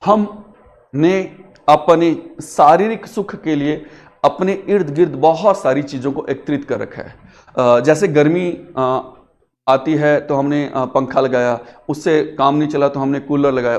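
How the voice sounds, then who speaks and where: A man's voice: fairly high pitch, fairly even intonation, a little slow. Coaxing male teacher in a classroom. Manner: coaxing, asks pupils questions and answers them himself; addresses pupils as beta. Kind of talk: classroom grammar lesson. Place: classroom with a digital board.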